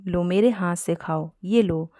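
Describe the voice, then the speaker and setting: A woman's voice: fairly low pitch, measured pace, dark tone, no room sound, clean studio sound, lightly acted. A woman voicing a jealous, scheming young wife in a Hindi storybook reading, talking in a pushy, clingy way. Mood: sulky. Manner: pushy, needy.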